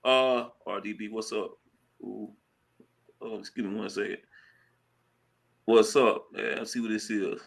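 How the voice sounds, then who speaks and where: A man hosting a casual live stream, talking in a slangy, chatty way and giving shout-outs. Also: fairly low pitch, fairly even intonation, measured pace, creaky, long pauses, breathy edge. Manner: slangy and chatty, full of "you know what I'm saying" and shout-outs. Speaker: host of a crypto live stream. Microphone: computer mic at a laptop.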